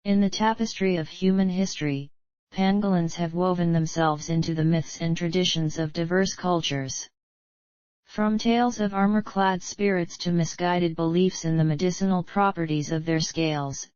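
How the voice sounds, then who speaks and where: A woman reading scripted nature documentary narration in a measured, earnest, formal way. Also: fairly low pitch, fairly even intonation, darkish tone, smooth, no room sound, dull audio.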